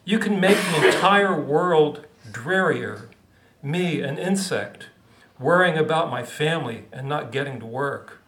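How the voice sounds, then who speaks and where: A man's voice: fairly high pitch, expressive, a little slow, a bit bright, echoey room, low-quality recording. A man voicing a tiny carefree male insect who talks in a breezy, slangy, defiant way. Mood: pleading.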